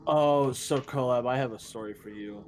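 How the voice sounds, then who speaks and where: A man's voice: medium pitch, moderate pace, a little mellow, soft background music. A man streaming a game and chatting casually, rambling with frequent restarts and self-deprecating asides. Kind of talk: casual chat while gaming.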